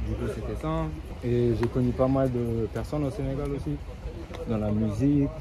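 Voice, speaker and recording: A young rapper raised in Germany chats casually outdoors on city streets in a medium-pitched voice at normal speed. He is laid-back and slangy, constantly tossing in filler tags, while loud traffic and crowd noise fill the low-quality recording.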